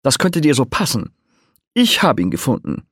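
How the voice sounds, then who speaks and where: A man voicing a boastful, excitable young male troubadour with a gleeful, possessive manner, read in an audiobook. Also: moderate pace, no room sound, clean studio sound, full character voice. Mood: teasing. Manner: gleeful, possessive, high and bright.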